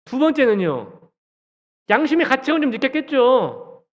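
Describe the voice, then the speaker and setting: Animated high-voiced male preacher in a hall. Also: moderate pace. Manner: animated, acts out quoted dialogue, asks the congregation questions. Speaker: junior pastor. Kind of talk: sermon. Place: church sanctuary. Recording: dull church hall recording with long reverb.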